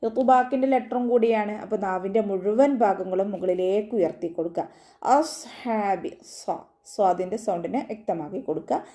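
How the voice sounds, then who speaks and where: A woman's voice: mid-range voice, quick pace, mellow. A woman teaching Quran recitation in an online lesson, explaining pronunciation patiently, step by step. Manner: patient, step-by-step instruction with frequent tag questions.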